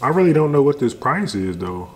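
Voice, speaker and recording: A young adult American man hosts a relaxed, slang-heavy food review, chatting to the camera while he eats in his home kitchen. His mid-range voice is very animated and fairly quick, with slight background noise.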